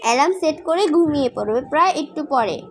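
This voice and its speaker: High-voiced woman narrating a role-play. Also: animated, quick pace.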